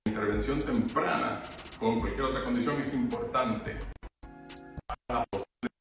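A man hosting an educational health event, reading a steady, informative scripted narration. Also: mid-range voice, normal speed. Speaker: host. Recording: roomy, distant, music underneath. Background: music.

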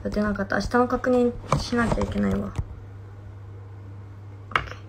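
A woman's voice: mid-range voice, fairly even intonation, normal speed, creaky, heavy background noise. A young woman in her twenties from Fukuoka with a Hakata dialect accent, chatting casually on a phone livestream while reading fan comments. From Fukuoka, Japan. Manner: chatty, reacts to comments, drifts into soft whispers. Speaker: idol livestreaming to fans.

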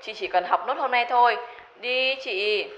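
A woman's voice: a little high, normal speed, a bit bright, highs cut off, lightly acted. An actress playing a hapless young female student who whines and wails about her troubles. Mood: pleading. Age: young adult. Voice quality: wailing, whiny. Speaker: student in a comedy sketch.

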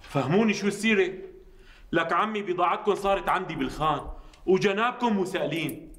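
This is a blunt, demanding merchant with a Syrian accent, pressing hard with questions. His voice sits a little high. The set around him rings with echo. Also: quick pace, fairly bright tone. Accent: Syrian Arabic. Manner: insistent questioning. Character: worried older male merchant, blunt and demanding. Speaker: merchant Abu Mazhar. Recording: roomy echoey set.

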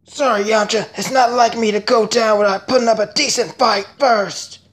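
A man's voice: high voice, steady tone, normal speed, a bit bright. A man voicing an earnest, self-sacrificing martial artist from an anime. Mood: weary, resolute.

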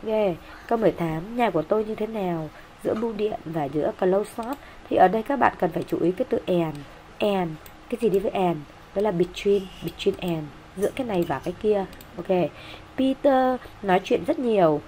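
A woman teacher talks through exam questions one after another in a brisk, explanatory manner, with a voice of middling pitch. Her talk is dotted with fillers and now and then a cough. A faint hiss of noise sits under the voice. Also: mellow. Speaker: English teacher. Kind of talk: exam answer walkthrough.

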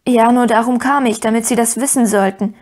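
An eager young boy who pleads and presses his point in urgent, breathless bursts, as a woman reading a storybook puts him on. The voice sits fairly high and rushes along when he gets going. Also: steady tone, a little mellow, natural voice. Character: eager earnest young boy, talking fast. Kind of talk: audiobook character voice.

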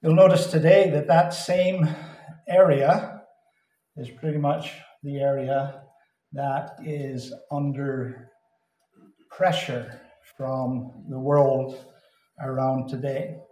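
A man's voice: mid-range voice, flat delivery, mellow. Man teaching in an echoey hall. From Saskatchewan, Canada. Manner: deliberate teacher, repeats and stresses key words. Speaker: Bible conference speaker. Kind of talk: Bible teaching address.

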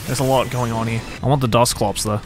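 A man's voice: mid-range voice, steady tone, quick pace. A man in his thirties giving casual, sweary live gaming commentary into a close desk microphone. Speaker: game streamer. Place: small indoor room at gaming desk. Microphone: close desk microphone on boom arm. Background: game music.

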